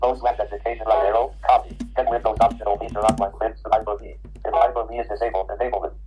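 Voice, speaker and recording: A man's voice: on the low side, flat delivery, racing, low-quality recording. A man on a tech stream dictating clipped, repetitive computer commands. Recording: music playing in the background.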